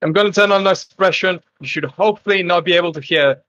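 A young British man talking casually in a loud, half-shouting voice while testing gear, his voice processed through call noise suppression that leaves noise reduction artifacts. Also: high voice, fast, muffled recording. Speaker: tech video host. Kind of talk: casual product test talk.

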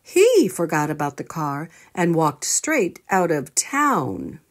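With a low voice, this woman takes her time reading a children's storybook aloud. She narrates expressively for young listeners and asks them questions along the way.

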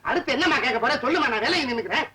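An actor playing a scheming, quick-witted comic man in an old film, talking in fast wheedling banter. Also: very high voice, expressive. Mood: teasing. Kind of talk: 1970s Tamil film acting. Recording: noisy old film soundtrack.

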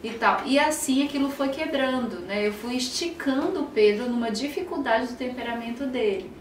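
A woman with a Brazilian Portuguese accent, a psychologist who is a guest on a podcast and tells stories lively, acting out her children's voices. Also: a little high, normal speed, distant mic, a little hiss or hum. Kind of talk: podcast interview, explaining. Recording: roomy, off-mic, faint ambience.

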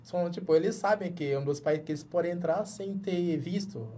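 A Jamaican man in his thirties speaks in a high, mellow voice at a fairly quick clip, with a Jamaican accent. He's a journalist appearing as a guest in a small padded studio, chatting casually in an interview and frequently restarting words while he hunts for them in Portuguese.

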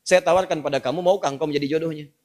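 A fatherly old teacher with a gentle, reassuring manner, put on by a male preacher. The voice sits a touch high for a man and tells the story as a plain sermon retelling. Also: fairly even intonation, racing, lightly acted. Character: kindly elderly male religious teacher.

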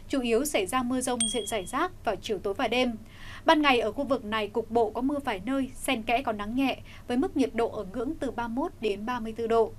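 A woman presents the weather forecast in an even, formal newsreader delivery. Her voice sits a little high, and she reads every figure and region in a measured, scripted way. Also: a little hiss or hum.

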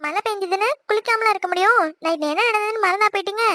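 A woman's voice: very high-pitched, quick pace, bright, forceful tone, slight background noise. A young woman voicing a playful, scolding young wife in a cartoon. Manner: chiding, teasing. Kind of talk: cartoon voice acting.

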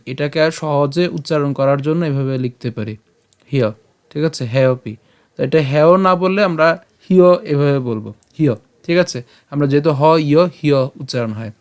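A man teaching how to pronounce scripture verses, breaking words into syllables and chanting them slowly. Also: on the high side. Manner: slow, syllable-by-syllable drilling of verses. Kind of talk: slide-based pronunciation lesson.

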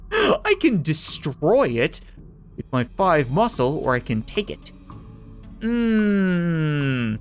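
A man's voice: on the high side, wildly swooping pitch, drawn-out words, long pauses, soft background music. A man in his thirties giving theatrical game playthrough commentary with wry asides, reading text aloud. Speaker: gaming video host.

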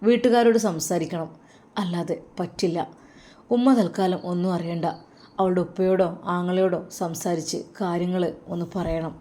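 A woman voicing a troubled young male religious scholar who deeply loves his mother, speaking softly and sorrowfully. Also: fairly even intonation, normal speed, natural voice. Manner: soft, sorrowful, heartfelt.

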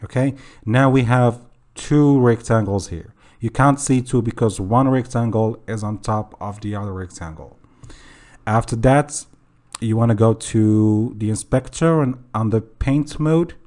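A young man talks through a screen-recorded software tutorial with a low, mellow voice. His delivery is casual and unpolished, often checking in with the listener and fixing his own slips as he goes. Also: measured pace. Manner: casual, self-correcting, says okay often. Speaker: tutorial host.

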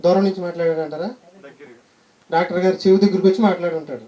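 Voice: mid-range voice, steady tone, quick pace, mellow. A preacher giving a short sermon who tells a story and asks the listeners questions. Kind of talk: sermon with a humorous anecdote. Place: church gathering.

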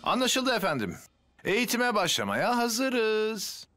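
A bright-voiced, earnest cartoon fireman. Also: high voice, sing-song, takes it slowly, soft background music, exaggerated voice. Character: earnest, polite, heroic cartoon firefighter. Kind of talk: animated children's cartoon dub.

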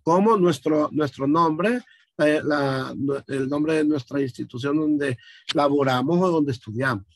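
Speaking at a measured pace, a man from Honduras leads an online lesson, explaining each step and pausing to check on his students. He has a fairly high, husky voice, and the recording is dry, close and echo-free, as on a video call. His manner is patient and explanatory, and he addresses the class directly.

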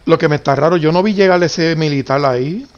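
A man's voice: on the high side, fairly quick, dull audio. A man chatting casually with other players during an online role-play game. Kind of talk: casual gaming chat.

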